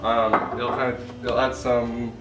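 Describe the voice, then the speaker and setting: A man's voice: mid-range voice, little pitch movement, unhurried, noisy background. A man hosting a casual cooking video in a loose, giggly, tipsy ramble with offhand swearing. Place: indoor kitchen. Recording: echoey kitchen, far from mic, background music. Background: music, clattering pots and pans.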